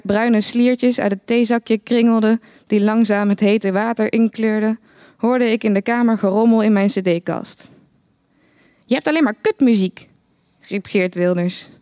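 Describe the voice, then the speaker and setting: A woman narrating a satirical short story in the first person, with a dry, deadpan manner. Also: medium pitch, measured pace, clean tone, dry recording.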